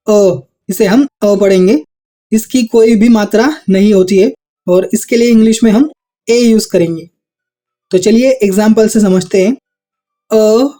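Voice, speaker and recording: A teacher walking students through Hindi vowel signs, spelling out words one syllable at a time. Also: male voice, high-pitched, warm tone. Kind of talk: Hindi phonics lesson.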